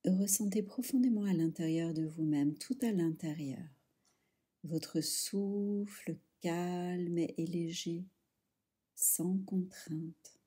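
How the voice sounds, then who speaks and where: A woman leads a yoga nidra meditation in a soft, breathy, fairly low voice. She gives short, soothing instructions slowly, with long pauses between them.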